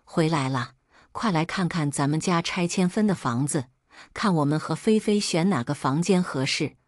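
A woman's voice: low voice, moderate pace, no echo, clean studio sound, lightly acted. A woman voicing a meek, evasive young husband who tries to placate his wife. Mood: placating.

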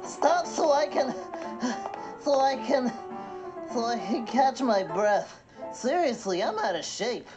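A woman's voice: fairly high pitch, big pitch swings, normal speed. A woman voicing a grumpy, stubborn cartoon pal, grumbling and sarcastic in a comedy sketch. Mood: irritated. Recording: slightly dull audio with music behind.

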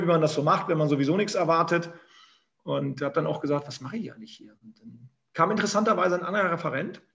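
Gravelly and a bit bright, his voice on the high side, a man in his forties from Emsland in northern Germany narrates his career as an interview guest. He speaks with a northern German accent and many fillers, and the remote call has a lo-fi sound.

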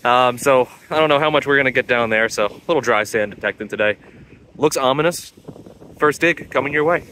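A young man narrates his own outdoor vlog in a chatty, casual way, speaking straight to the viewers. His voice sits at a middle pitch and is recorded on a handheld phone. Faint outdoor ambience runs behind him. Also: fairly quick, sharp tone, slight background noise. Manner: chatty, addresses viewers directly. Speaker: host of a metal detecting vlog. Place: outdoors at a beach.

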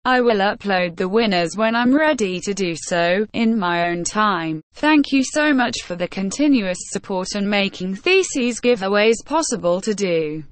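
Synthetic woman host voice, mid pitch, bone-dry, monotone scripted announcements. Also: a little slow, hardly any pauses, no echo. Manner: flat synthetic text-to-speech reading. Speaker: gaming channel host.

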